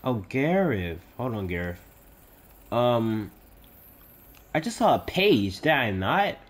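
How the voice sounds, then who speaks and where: A man giving casual let's-play commentary, excitable and chatty, reading game text aloud haltingly. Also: medium pitch. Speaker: gaming YouTuber.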